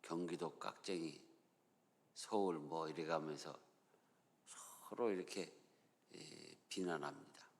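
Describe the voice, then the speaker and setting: A man's voice: a bass voice, slow pace, creaky, long pauses, big-room sound. A male pastor with a Chungcheong accent, preaching a sermon in a folksy, storytelling way in a church. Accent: Chungcheong Korean. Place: church sanctuary.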